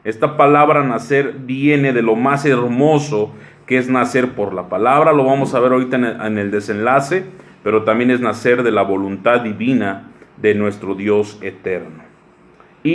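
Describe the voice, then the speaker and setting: Pastor mexicano en sermón, voz de ritmo cambiante. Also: male voice, mid-range voice. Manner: slow, stretched-out word lists with sudden quick asides. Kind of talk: sermon.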